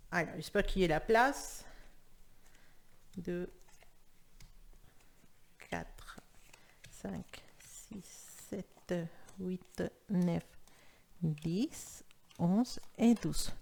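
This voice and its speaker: A woman with a Spanish accent gives a casual tarot reading in French, chatting directly to her viewers. Her voice sits at an ordinary middle pitch for a woman. She talks in an easygoing, conversational way. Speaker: tarot reader.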